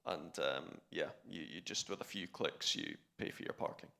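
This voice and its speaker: A man's voice: deep voice, moderate pace, vocal fry, sharp tone. A man on a conference panel explaining a parking app, with restarts and fillers.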